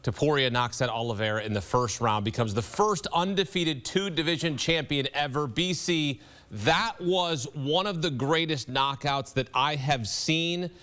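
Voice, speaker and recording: A man's voice: fairly high pitch, normal speed, a bit bright. A man hosting a sports recap discussion from a studio set, putting questions to his panel. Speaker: sports show host.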